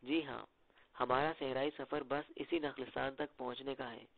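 A man's voice: medium pitch, fairly even intonation, moderate pace, gravelly, dry recording. A man reading as a cautious desert guide. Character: serious, cautious male local guide. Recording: tinny phone-like lo-fi audio.

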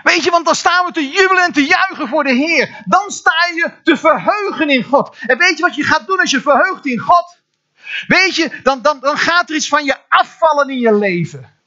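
A man with a Dutch accent preaching from a church pulpit, his high, bright voice swinging widely in pitch. He stumbles over repeated words and bursts into sudden exclamations. The recording sounds dull and lo-fi. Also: expressive, moderate pace. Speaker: pastor. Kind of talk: sermon. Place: church hall.

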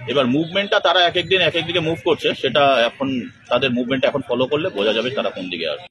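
A man in his thirties with an Indian Bengali accent answering an interview outdoors as an officer, with clear background noise. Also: medium pitch, fast, a bit bright, poor audio. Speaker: forest range officer. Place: outdoors on open green with trees.

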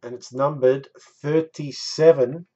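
A man's voice: a little high, steady tone, measured pace, dark tone, highs cut off. A man in his thirties hosting a live card break, calling out numbers and winners with catchphrases like a bingo caller. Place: small indoor room stacked with boxes.

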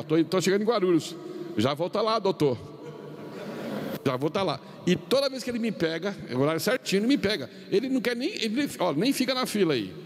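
Brazilian pastor guy preaching a story, big hall echo, faint hiss in the back. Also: darkish tone. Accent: Brazilian Portuguese. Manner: tells anecdotes with quoted dialogue, pitch swings up and down. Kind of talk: sermon storytelling. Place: large arena. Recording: long reverb of a large arena, faint noise.

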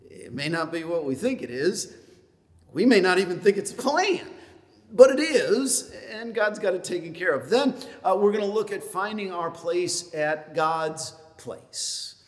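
A pastor preaches in a folksy, joking way, full of fillers and asides. His voice is a man's and sits somewhat high for a man. The church around him rings with a long reverb. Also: lively intonation, measured pace. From upstate New York. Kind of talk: sermon. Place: church sanctuary.

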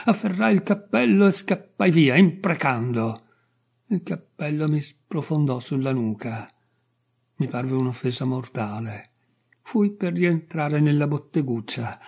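A man reading a short story aloud in an expressive, measured storytelling manner, with a husky, gravelly voice. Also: medium pitch. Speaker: audiobook reader.

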